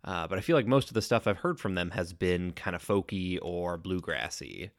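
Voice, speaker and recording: A man co-hosting a podcast in casual chat, slightly congested from allergies, relaxed and chatty. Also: sits low, normal speed, dry recording, studio quality. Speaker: podcast co-host.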